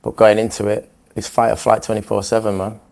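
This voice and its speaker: Male host from England, low gravelly voice, earnest, casual swearing. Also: little pitch movement, fairly quick, a little mellow. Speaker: host, music producer. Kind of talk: casual conversation.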